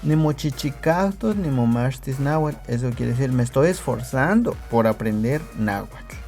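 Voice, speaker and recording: A man teaching a video language lesson, patiently repeating phrases slowly for learners. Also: medium pitch, expressive, a little mellow, faint music behind. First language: Nahuatl.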